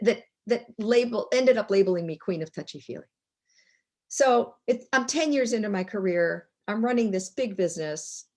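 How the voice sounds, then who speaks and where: Lively older woman telling a story. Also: mid-range voice. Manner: animated storyteller, repeats words as she goes. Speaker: guest speaker. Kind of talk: storytelling in a fireside chat.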